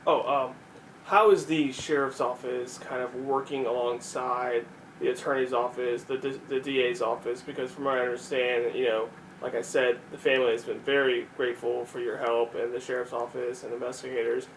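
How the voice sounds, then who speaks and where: Man as informal interviewer, average pitch, wordy and hesitant in his questioning, slight background noise. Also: level tone, normal speed, rough recording. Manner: tentative, wordy, rambling questions.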